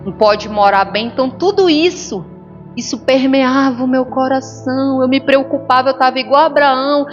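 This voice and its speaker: A woman's voice: high-pitched, normal speed, muffled recording, faint music behind. A woman pastor preaching a sermon, telling her story with emotion and acting out the dialogue. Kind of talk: sermon testimony. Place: church service.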